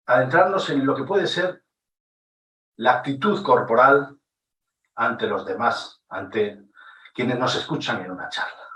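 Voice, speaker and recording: A man with a Spanish accent from Spain giving an instructive talk on public speaking, deliberate and emphatic, using pauses and shifting intonation for effect. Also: medium pitch, fairly bright tone. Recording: roomy echo, somewhat distant mic.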